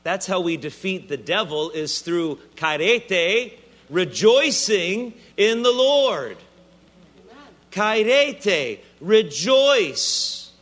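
A man with a Southern US accent, preaching a sermon as a bishop, expressive, with playful asides. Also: high-pitched, very slow.

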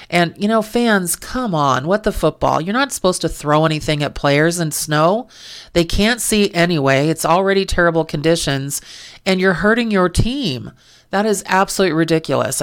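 A woman's voice: low-pitched, smooth. A woman hosting a sports talk show, giving opinionated, exasperated football commentary with sarcastic asides. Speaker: sports podcast host. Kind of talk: casual football commentary monologue. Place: lives in California.

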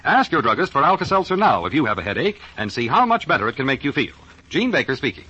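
A man's voice: mid-range voice, big pitch swings, fast talker, highs cut off, background noise. A man working as a 1940s radio announcer, reading scripted copy with polished, emphatic salesmanship on an old broadcast recording.

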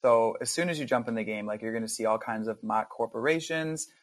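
Male indie developer guest, casual, rambly, mid pitch, dry close mic. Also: brisk, dry recording. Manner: relaxed, rambling, lots of fillers. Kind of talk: casual podcast chat.

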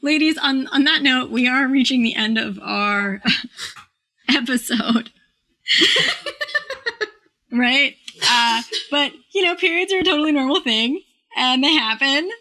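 A woman's voice: high-pitched, animated, a little slow, long pauses, sharp tone. A woman podcast host wrapping up the episode in a reassuring way.

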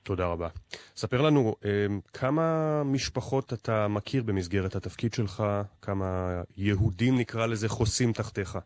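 A man hosting a live radio news interview, putting measured questions with hesitant pauses. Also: on the low side, darkish tone, dry recording.

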